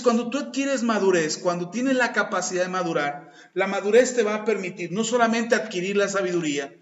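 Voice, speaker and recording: A high-pitched man with a Mexican Spanish accent preaches in a conversational way, slipping into little acted-out exchanges. The sound is dull and lo-fi, and the room around him is echoey. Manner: conversational preaching, acts out dialogues. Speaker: pastor. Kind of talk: sermon.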